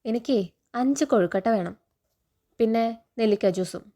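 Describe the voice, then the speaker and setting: A woman reading the lines of a stern father who scolds and teases his daughters, in a steady recounting tone. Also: a little high, moderate pace, natural voice. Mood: teasing. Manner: stern, threatening.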